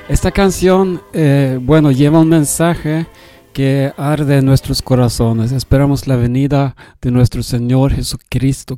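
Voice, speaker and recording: A man from Sweden with a Swedish accent, a non-native speaker introducing an evangelistic radio program in a halting way, searching for words. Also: medium pitch, warm tone.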